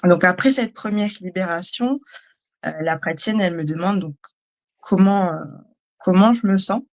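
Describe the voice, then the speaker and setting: A woman giving a personal testimony, speaking in a hesitant, halting way with many fillers. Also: on the low side. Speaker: guest, trainee.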